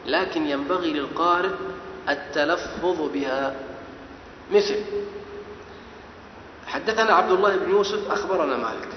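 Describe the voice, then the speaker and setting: A man's voice: on the high side, slight background noise. A man giving a classroom lecture as a hadith teacher, explaining step by step and quizzing his listeners with questions. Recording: echoey hall, dull lo-fi sound.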